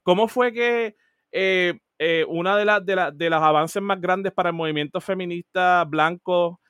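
Animated man, slightly high voice. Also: normal speed, clear, resonant tone, no echo, highs cut off. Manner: animated, mixes English words into Spanish, frequent restarts. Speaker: podcast co-host. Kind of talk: casual discussion of a TV series.

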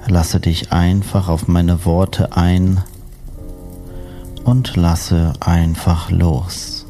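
A man speaking as a sleep story narrator and meditation guide, soothing and hypnotic, with long unhurried pauses. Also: deep voice, fairly even intonation, warm tone, faint music behind. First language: German.

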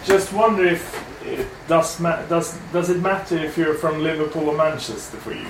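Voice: medium pitch, moderate pace, vocal fry. An interviewer from Sweden, asking short probing questions on a street. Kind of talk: vox-pop street interview. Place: outdoors on a street. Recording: distant, roomy, noisy street ambience.

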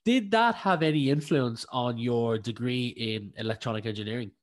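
A man's voice: mid-range voice, moderate pace. A man, interviewing conversationally as a podcast host.

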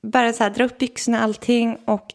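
A young woman telling a personal story in a casual, animated way and acting out what people said. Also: fairly high pitch. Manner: animated storyteller, acts out quotes. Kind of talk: casual chat.

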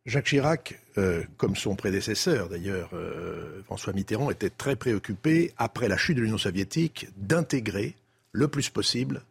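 An older Frenchman with a husky voice, speaking as a debate guest, recounts diplomatic history in a measured, didactic manner with emphatic phrasing. His pitch sits on the low side, and his intonation is lively.

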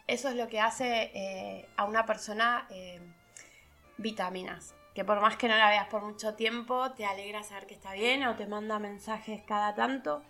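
A woman's voice: mid-range voice, steady tone, normal speed, sharp tone, soft background music. A middle-aged woman, talking casually as a podcast host, laughing and acting out the voices of people she quotes. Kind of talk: casual reflective monologue.

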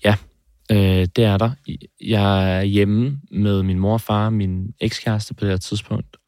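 A man in his twenties, speaking hesitantly and thoughtfully in an interview, often pausing and restarting. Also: on the low side, level tone, a little mellow, clean tone, dry recording, clean studio sound. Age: 20s. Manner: hesitant, pauses and restarts, searching for words. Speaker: film director interviewed about his heart surgery. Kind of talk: reflective interview.

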